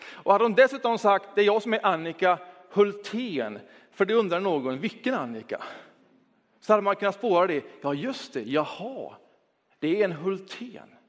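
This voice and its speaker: Man, pastor, sermon, fairly high voice, long church echo, reflective, quick then slow. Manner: reflective, lively shifts between quick talk and slow emphasis.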